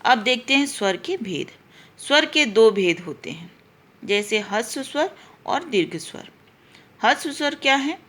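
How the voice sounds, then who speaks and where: Slow, patient woman teaching grammar. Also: a little high, very animated, a bit bright. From India. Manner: slow, patient, recites letters one by one and repeats explanations. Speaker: school Hindi teacher. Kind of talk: grammar lesson for schoolchildren.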